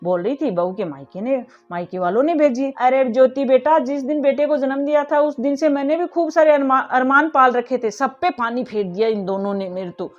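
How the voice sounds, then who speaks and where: A woman's voice: high voice, a little fast, hardly any pauses, natural voice. A woman playing an aggrieved mother-in-law who complains and scolds in a family drama. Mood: indignant. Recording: dull lo-fi audio with faint music.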